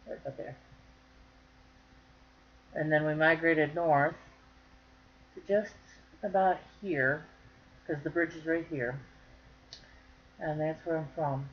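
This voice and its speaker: A woman's voice: sits low, lo-fi sound, slight background noise. Chatty woman vlogging, folksy and joking. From northern Michigan. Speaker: crochet vlogger. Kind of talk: casual chat to camera.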